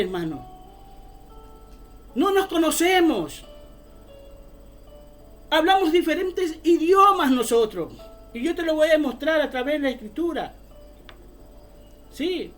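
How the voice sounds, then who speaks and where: A woman's voice: high-pitched, animated, measured pace, long pauses, soft background music. A woman preaching a fervent sermon, often calling her listeners brother.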